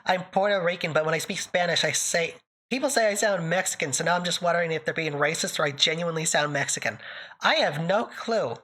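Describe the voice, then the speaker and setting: With a thick accent that sounds put-on, this northern Canadian woman hosts a livestream, chatting casually with viewers, answering them, and joking and laughing frequently. Her fairly low voice has lively intonation, a slightly bright tone, and normal speed.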